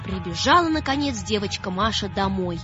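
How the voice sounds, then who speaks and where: A woman narrating a children's story in a dramatic, expressive reading style. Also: mid-range voice, a little fast. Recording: dull lo-fi sound with faint music.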